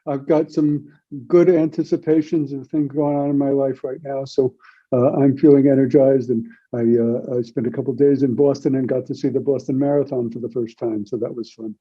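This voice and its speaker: A man's voice: mid-range voice, level tone, normal speed, breathy edge. A man checking in on a group video call, upbeat and hesitant, over dull lo-fi call audio. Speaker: call participant.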